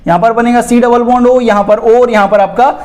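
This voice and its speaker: A man's voice: extremely high pitch, fairly even intonation, brisk, a little mellow. Chatty male chemistry teacher. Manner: chatty, addresses students as "beta" and "bhai"; keeps repeating "theek hai" and "ye dhyan rakhen". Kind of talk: exam-prep lecture.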